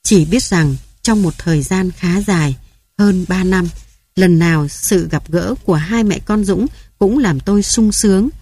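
A woman narrating a literary story in a slow, measured, solemn way. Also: fairly low pitch, mellow, breathy edge.

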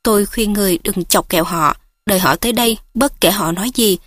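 A woman voicing a timid, deferential old male innkeeper in an audiobook story, speaking in a hushed, fearful way. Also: mid-range voice, brisk, no echo, studio quality, close to an everyday voice.

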